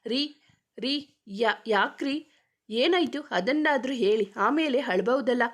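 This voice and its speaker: A woman's voice: on the high side, slow. A woman voicing a flustered, teasing young man who stammers his questions.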